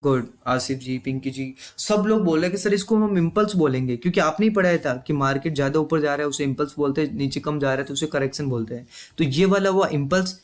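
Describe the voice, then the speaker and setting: हिंदी में समझाता ऊँची आवाज़ वाला आदमी. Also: male voice, a little high, fast talker, few pauses. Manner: explains step by step, keeps asking "ठीक है?". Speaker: trading teacher. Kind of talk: live online class.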